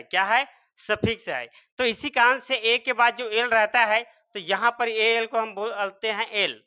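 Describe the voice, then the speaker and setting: A male teacher with a bright, sharp-edged voice walks through words one sound at a time. He keeps asking the class a question and then answering it himself, in a steady classroom rhythm. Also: sits high, clean tone. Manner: repeats rhetorical questions and answers them himself. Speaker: English teacher. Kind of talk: classroom-style spelling and pronunciation lesson.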